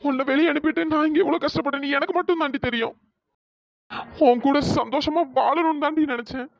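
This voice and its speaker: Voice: high-pitched, fairly even intonation, fast talker, gravelly, muffled recording. A performer voicing a hurt young husband in a cartoon story, reproaching his wife. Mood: bitter reproach.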